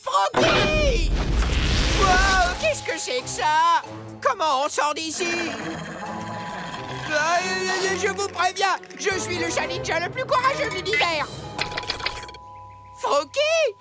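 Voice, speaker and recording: A woman's voice: very high-pitched, lively intonation, slow, long pauses, over loud music, full character voice. A woman voicing a boastful little male cat in a children's cartoon, with theatrical exclamations. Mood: excitable, boastful.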